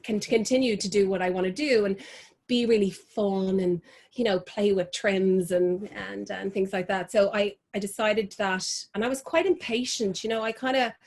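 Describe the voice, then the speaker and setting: An Irish woman in her forties, a fashion designer talking as a guest over a video call, chatty with many ums, restarts and laughs. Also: mid-range voice. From Ireland.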